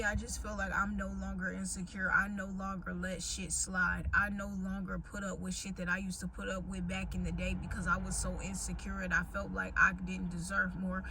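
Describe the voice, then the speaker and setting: A young American woman talks to her viewers in a casual, candid rant. Her delivery is emphatic and full of slang and swearing, at a medium pitch. Clear background noise with vehicle ambience runs under the voice. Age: 20s. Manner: slangy, profanity-heavy, emphatic. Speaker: vlogger.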